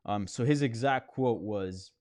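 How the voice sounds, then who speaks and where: Speaking at a measured pace in a mid-range, slightly mellow voice, a male host takes viewer questions on a live stream from an apartment near a hospital. His talk is casual and rambling, packed with fillers and false starts, and the studio-quality recording has no room sound.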